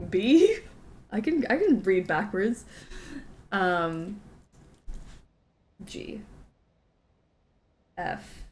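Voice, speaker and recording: A woman streaming a game, chatting casually with viewers, giggling often and apologizing in quick asides. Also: medium pitch, very animated.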